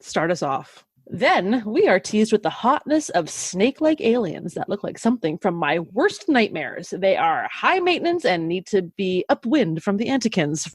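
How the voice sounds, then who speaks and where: A woman's voice: mid-range voice, sing-song, normal speed, hardly any pauses, breathy edge, no room sound, studio quality. A young woman co-hosting a podcast who chats casually, swears and jokes sarcastically, and has a slight lisp. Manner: swears a lot, jokey and sarcastic. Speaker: podcast co-host. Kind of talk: casual chat, reading episode synopsis.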